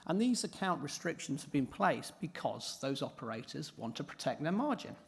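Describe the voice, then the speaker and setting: A man with a hoarse, croaky voice giving a prepared conference presentation. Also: on the high side, very animated, normal speed. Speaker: conference speaker. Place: large echoing indoor hall. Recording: reverberant hall.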